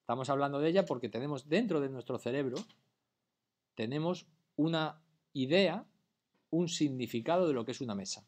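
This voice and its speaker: A man from lectures a class at an ordinary, mid-range pitch. He explains step by step and keeps pausing to ask whether everyone has understood. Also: a little mellow. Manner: patient, keeps checking understanding with questions. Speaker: teacher.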